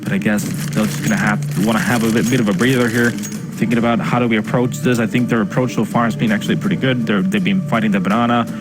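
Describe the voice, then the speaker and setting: A man's voice: on the low side, steady tone, fast, music in the background. A man co-casting an esports match with analytical commentary, over game sounds. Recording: loud game audio behind voice.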